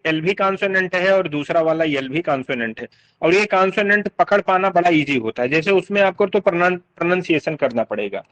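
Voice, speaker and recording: A man teaching English literature terms in casual speech, explaining slowly, repeating sounds and often checking that students follow. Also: sits high, fairly bright tone, rough recording.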